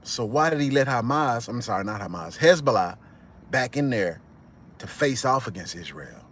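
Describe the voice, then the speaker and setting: A man hosting a livestream, chatting with viewers and retelling a movie plot as a rambling, animated storyteller. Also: mid-range voice, moderate pace, slight background noise. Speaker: channel host. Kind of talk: livestream commentary reading chat.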